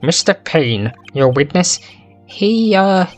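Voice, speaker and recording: A man's voice: a little high, sing-song, takes it slowly, faint music behind, voice pushed up. A man voicing an elderly male judge in a courtroom game, making formal, commanding pronouncements.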